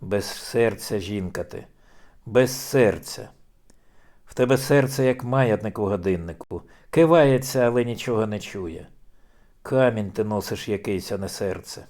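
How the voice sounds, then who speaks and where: A man's voice: fairly low pitch, measured pace. A man doing a furious old noble official. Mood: angry. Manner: stern, bursts into furious shouting. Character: stern older noble official, explosive temper. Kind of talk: audiobook reading.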